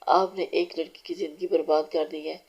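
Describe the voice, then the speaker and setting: Audiobook: indignant young wife read by a woman, accusing, low mellow voice, lo-fi. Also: steady tone. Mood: angry. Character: angry tearful young wife. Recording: dull lo-fi recording.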